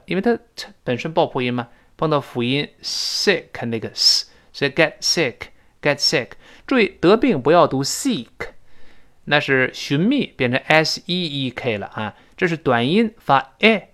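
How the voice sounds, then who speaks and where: A man teaching a spoken English lesson whose first language is Chinese. He explains at length with many fillers and repeats words slowly to model pronunciation. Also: on the high side, fairly bright tone.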